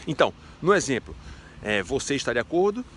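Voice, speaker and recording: A man's voice: medium pitch, big pitch swings, brisk, a bit bright. Chatty guy giving a casual lesson, voice jumps all over, bit of faint noise behind. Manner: chatty, playful, asks rhetorical questions. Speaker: French teacher.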